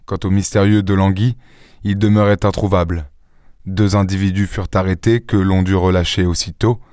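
A man's voice: sits low, no room sound. Man reading a story, dry studio sound. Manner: measured, even storytelling. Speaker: audiobook reader. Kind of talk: scripted narration.

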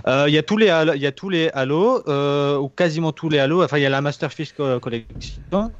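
Man, alsatian accent, easygoing, lots of fillers, slightly high voice, dry muffled audio. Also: quick pace. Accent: Alsatian French. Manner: easygoing, hesitant with many fillers. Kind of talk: casual chat.

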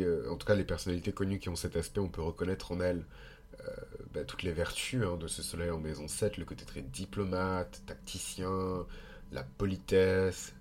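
A man's voice: sits low, a little mellow. A Frenchman with a French accent and a nasal, congested voice from a blocked nose, talking casually and hesitantly as he explains things as a podcast host. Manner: informal, hesitant, thinking aloud. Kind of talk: casual explanatory monologue with digressions.

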